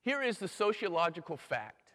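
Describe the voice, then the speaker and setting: Animated high-voiced preacher in a hall. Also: male voice, moderate pace. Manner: dramatic swings from loud bursts to hushed near-whispers; makes playful sound effects. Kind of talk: sermon to a live audience. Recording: long hall reverb.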